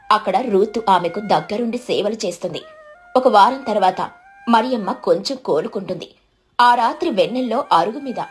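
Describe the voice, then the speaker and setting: Brief: female storyteller, calm, fairly high voice, scripted narration.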